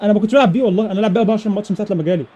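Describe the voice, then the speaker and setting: Young Egyptian gaming YouTuber, male, high and very fast, excitable running commentary with repeated shouts. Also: highs cut off. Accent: Egyptian Arabic. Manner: excitable, repeats exclamations rapidly. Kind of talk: live gameplay commentary.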